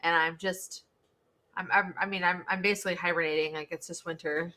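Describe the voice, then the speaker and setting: An American social media consultant joins a live stream as a guest from her home office, rambling with plenty of fillers and restarts in casual chat. Her fairly low, fairly even voice moves briskly over a USB desk mic, with crowd noise behind her.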